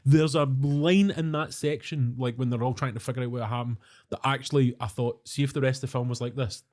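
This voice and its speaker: Brief: male comedian, wry podcast banter, average pitch. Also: fairly even intonation, a little fast, darkish tone. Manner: wry, joking asides. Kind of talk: casual comedic chat.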